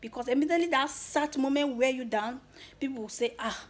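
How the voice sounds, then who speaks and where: A young woman with a Nigerian accent speaks straight to her viewers in a casual vlog. Her voice sits a little high, and she sounds excited and heartfelt, switching freely between Pidgin and English. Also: fairly quick. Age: young adult. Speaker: YouTuber.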